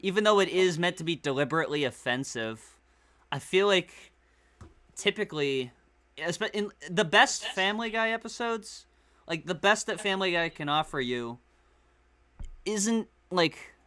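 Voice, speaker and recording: A man's voice: high voice, animated, moderate pace, pushed and bright. A man hosting a casual group stream, chatting and picking apart a cartoon with lots of fillers. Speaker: stream host.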